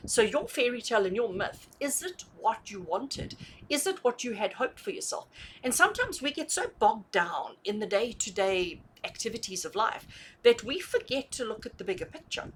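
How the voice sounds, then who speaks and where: A woman hosts a tarot reading for viewers in an animated, fairly high voice, emphatic and conversational. She repeats and rephrases her points and often checks in with rhetorical questions, giving an intuitive reading. The audio is poor, with slight background noise.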